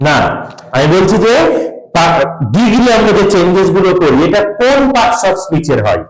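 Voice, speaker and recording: A man's voice: high voice, sing-song, a little fast, faint music behind. A male teacher, quizzing his students through a grammar lesson and drilling spellings aloud. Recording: roomy echo.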